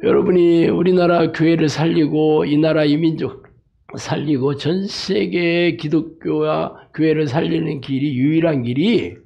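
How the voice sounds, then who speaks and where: A man's voice: a little high, gravelly, lo-fi sound. A male pastor preaching a sermon emphatically, breaking in with rhetorical tag questions and anecdotes. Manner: emphatic, frequent rhetorical "eh?" tags; tells jokes and anecdotes.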